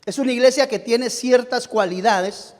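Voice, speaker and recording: A male pastor with a Guatemalan Spanish accent preaching a sermon, often pausing to search for the right word and calling his listeners "beloved brother". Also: extremely high pitch. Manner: halting, searches aloud for words and restarts phrases. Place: church sanctuary. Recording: long reverb of a church hall.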